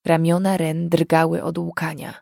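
Woman narrating a spooky story, lowish voice, dry close sound. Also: level tone, unhurried, vocal fry, dark tone, dry recording. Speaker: audiobook reader.

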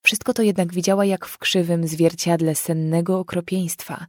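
A woman narrating a dark fantasy story in a measured, expressive reading. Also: on the low side, dry recording, studio quality. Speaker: audiobook reader.

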